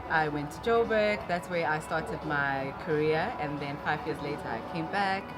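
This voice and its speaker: A woman with a South African accent answering interview questions conversationally, often pausing to find her words. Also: low voice. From Durban, South Africa. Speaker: interview guest, marketing and events businesswoman. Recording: music under the talk. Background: loud music.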